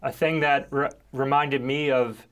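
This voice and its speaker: A man hosting a casual podcast chat, telling stories in a relaxed, drawn-out way. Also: medium pitch, dull audio. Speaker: podcast host.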